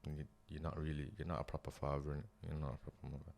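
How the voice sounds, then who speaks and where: Young guy, low voice, slangy, earnest interview guest. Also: little pitch movement, very fast, creaky, a little mellow. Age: young adult. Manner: slangy and earnest, many restarts. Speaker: guest, property investor. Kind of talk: casual interview chat.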